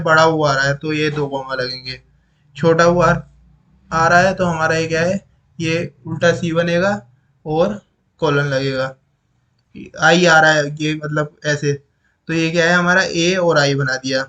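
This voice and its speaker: A male teacher explaining phonetic symbols from his notes, repeating each sound slowly and going through them one by one. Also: fairly high pitch, fairly bright tone.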